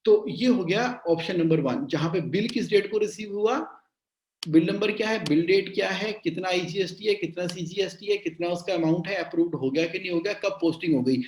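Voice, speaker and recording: A man coaching business owners in a live online session, animated and repeating his phrases, mixing English into his talk. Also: high-pitched, a little fast, roomy sound. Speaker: cash flow coach.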